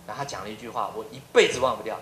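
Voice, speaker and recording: A man's voice: lowish voice, racing, a bit bright, slight background noise. A middle-aged man from Taiwan, a professor giving a lecture full of humorous anecdotes and rhetorical questions. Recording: roomy lecture hall.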